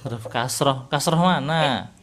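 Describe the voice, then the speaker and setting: An Indonesian man with a mid-pitched voice runs an online Quran recitation class. He corrects his student patiently, asks leading questions and chuckles now and then as he explains. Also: measured pace, a bit bright. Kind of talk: interactive online recitation lesson.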